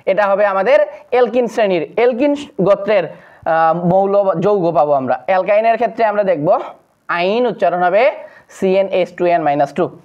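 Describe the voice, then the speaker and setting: Teacher drilling chemistry names. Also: mid-range voice. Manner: recites long lists of compound names in a steady drill, with frequent hesitations; addresses viewers as friends. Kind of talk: chemistry lesson for secondary students. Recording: dull lo-fi recording.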